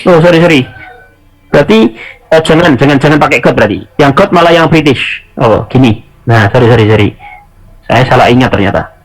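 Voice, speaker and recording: A man's voice: mid-range voice, lively intonation, brisk, low-quality recording. A young adult man teaching an online English test class, chatty and often correcting himself mid-sentence. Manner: casual, self-correcting, chatty asides.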